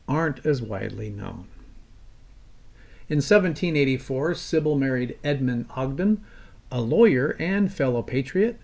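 A man hosting a history podcast, reading scripted narration in an earnest, measured storytelling way. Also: mid-range voice, gravelly, darkish tone. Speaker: podcast host.

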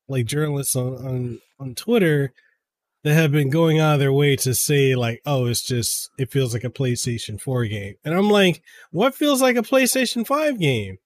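A man in his thirties, a game reviewer guesting on a podcast, talking in an excitable way and often stumbling over repeated words. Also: mid-range voice, normal speed. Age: 30s. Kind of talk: casual podcast chat.

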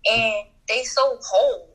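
A woman in about her thirties, a podcast guest talking casually in slang, animated and laughing, acting out quoted voices. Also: fairly high pitch, slow, a loud crowd, poor audio.

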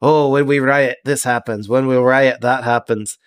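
Man voicing a gruff sea captain, smug, taunting, says aye, dry close sound. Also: mid-range voice, steady tone, moderate pace, dry recording, natural voice.

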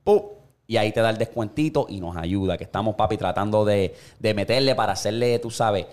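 A man's voice: lowish voice, brisk. A man with a Puerto Rican accent hosting a podcast in casual, slangy chat, reading the sponsor spot himself. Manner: relaxed, slangy, reads ad spots himself. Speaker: podcast host.

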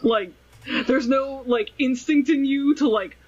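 A man's voice: extremely high pitch, a little slow, slightly rough. A man co-hosting a podcast in casual chat, rambling and sarcastic. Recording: slightly dull lo-fi recording.

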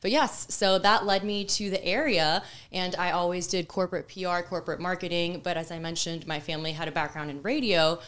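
A woman's voice: lowish voice, fairly even intonation, a little fast, few pauses, fairly bright tone, clean tone. A young woman from Miami, a podcast guest, chatting in a bubbly way and laughing easily. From Miami, USA. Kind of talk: casual interview chat.

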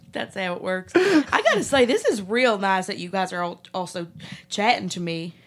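A woman's voice: mid-range voice, sing-song, moderate pace. A woman playing a ditzy young Texan lifeguard in an improvised comedy interview, rambling and giggling as she talks. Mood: gossiping. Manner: giggly, rambling, laughs often mid-sentence. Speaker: improv character being interviewed.

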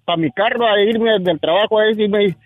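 A man's voice: high voice, normal speed. A man calling in to a radio show, telling his story in a plain, matter-of-fact way. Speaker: caller. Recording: dull muffled line.

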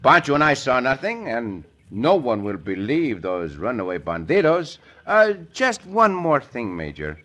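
An actor playing a dashing, courteous Mexican cowboy hero with a Mexican accent in an old-time radio western, theatrical and commanding. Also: male voice, mid-range voice, sing-song, a little slow, hardly any pauses, a bit bright. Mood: calm, courteous. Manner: theatrical, commanding, formal phrasing. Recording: noisy vintage radio drama recording.

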